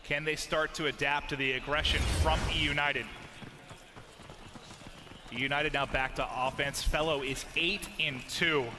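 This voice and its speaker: High-pitched male esports caster, punchy delivery. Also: steady tone, measured pace, background noise. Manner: emphatic, punchy short phrases. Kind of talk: excited esports caster commentary.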